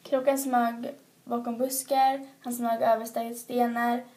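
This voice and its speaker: Woman reading a children's book haltingly. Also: fairly high pitch, little pitch movement, mellow. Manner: halting, frequent stumbles and restarts. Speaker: reader.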